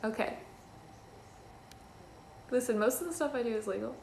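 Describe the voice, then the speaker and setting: A woman's voice: a little high, normal speed, gravelly, a little mellow, slight background noise. A woman playing a mischievous teenage girl hero student, rambling and teasing with lots of laughter in live cosplay role-play over a call. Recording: echoey live video call.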